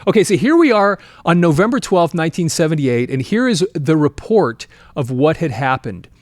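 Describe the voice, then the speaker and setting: With a fairly high pitch and moderate pace, recorded with no echo, a man hosting a show shares a story informally with his listeners. His retelling is lively, and he voices the quoted bits of dialogue.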